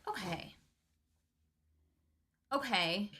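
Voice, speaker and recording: A young woman co-hosts a casual livestream in a chatty way, full of fillers. Her voice sits at a middling pitch with a bright edge. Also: animated, drawn-out words. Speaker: co-host.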